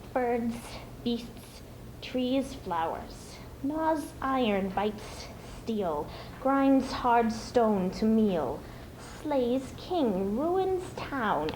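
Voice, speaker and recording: Hissing, sly Gollum, slow and creepy. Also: female voice, fairly high pitch, a little mellow, full character voice. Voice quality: hissing, breathy whispering. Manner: drawn-out, menacing riddling. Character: hissing, wheedling cave creature Gollum, greedy and sly. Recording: roomy, noisy amateur stage recording.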